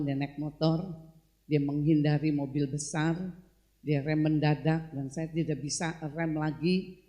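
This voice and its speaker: Woman pastor, sermon, chatty conversational storytelling to the congregation, mellow tone. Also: sits low. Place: church service.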